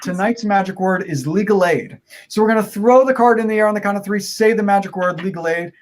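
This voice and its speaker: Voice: medium pitch, a little fast. A performer with playful kids-party magician patter, giving repeated step-by-step instructions to an online audience in an encouraging way. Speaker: magician leading a card trick.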